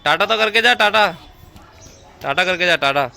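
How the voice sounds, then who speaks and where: Outdoors in a neighborhood lane, a man vlogs casually, playfully teasing the local kids and calling the camera audience "guys." His high-pitched voice is expressive, bright and forceful, at normal speed with some vocal fry.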